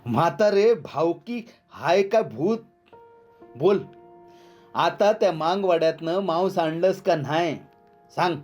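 A man's voice: on the high side, moderate pace, lo-fi sound, soft background music, pitched above the performer's own voice, close to an everyday voice. A man doing an angry quarrelsome villager. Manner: shouting, rustic dialect.

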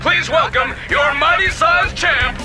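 An actor playing a bombastic game arena announcer with a booming prize-announcer delivery and drawn-out shouted names. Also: male voice, over music. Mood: booming hype. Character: bombastic male arena race announcer hyping monster battles. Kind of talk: theatrical sports commentary in a video game.

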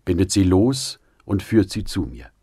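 A man reading the words of Jesus in a scripture audiobook, in a solemn, measured way. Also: deep voice, sing-song, mellow, husky, no room sound, clean studio sound, pitched above the performer's own voice, exaggerated voice. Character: Jesus, calm authoritative male teacher.

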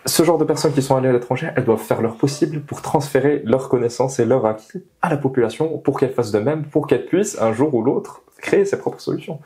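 A young adult engineer talks fast, with hardly any pauses, in a warm mid-range voice while being interviewed. He explains his position earnestly and emphatically, repeating key phrases, recorded on a lapel mic in a small indoor meeting room.

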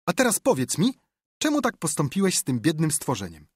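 A man voicing a stern but soft-hearted elderly aunt who scolds her nephew in an audiobook. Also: on the high side, wildly swooping pitch, a little fast, husky, dry recording, clean studio sound, voice pushed up, heavily acted. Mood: scolding. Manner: scolding, suspicious.

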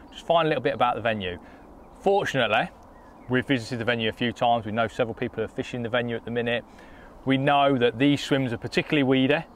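A man's voice: medium pitch, slight background noise. Man explaining fishing by a lake. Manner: steady, practical, explains step by step. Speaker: angler demonstrating. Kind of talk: casual explanatory chat. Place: outdoors at a lakeside bank.

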